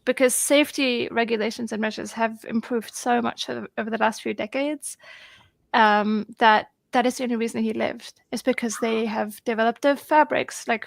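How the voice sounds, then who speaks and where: A woman chatting excitedly on a video call, rambling with lots of fillers. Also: on the high side, vocal fry, dry recording. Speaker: guest on a group video chat. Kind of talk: casual chat.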